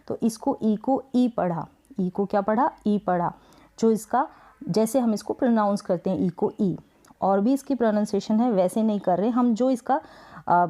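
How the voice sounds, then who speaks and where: Woman teacher, warm low-key tone, patient and repetitive, stretches words out slowly. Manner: patient, repetitive, asks and answers own questions; drawn-out word sounding. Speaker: English spelling teacher. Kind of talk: Hindi-language spelling lesson.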